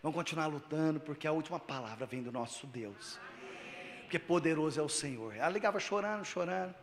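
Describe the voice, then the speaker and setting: A male pastor preaching a sermon, moving between loud emphatic lines and low, quiet storytelling. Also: animated, a little fast, big-room sound, slight background noise.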